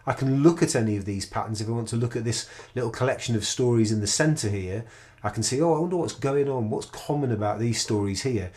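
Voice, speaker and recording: A middle-aged male researcher gives a recorded project presentation, enthusiastically explaining a research method and often restarting his sentences. His voice is mid-range and a little mellow.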